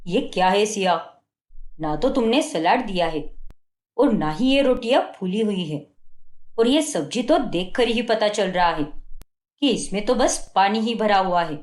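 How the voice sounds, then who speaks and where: A woman's voice: mid-range voice, expressive, a little slow, darkish tone, roomy sound, natural voice. A woman voicing a fault-finding young husband in a cartoon, scolding and contemptuous. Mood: scornful. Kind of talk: Hindi cartoon dubbing.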